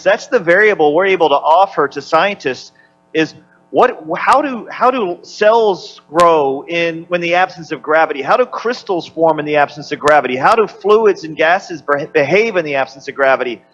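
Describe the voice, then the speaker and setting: Over a slightly dull radio downlink with a faint hum, a man speaks as an astronaut on a space station. His voice is high and fairly bright, and he answers questions unscripted, hunting for the right words.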